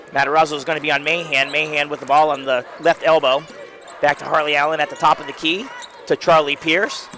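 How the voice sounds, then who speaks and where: High bright guy calling hoops courtside, voice jumps on big plays, bit of gym noise behind. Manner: rapid calls that jump up in pitch on big plays. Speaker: play-by-play announcer. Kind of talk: live basketball play-by-play.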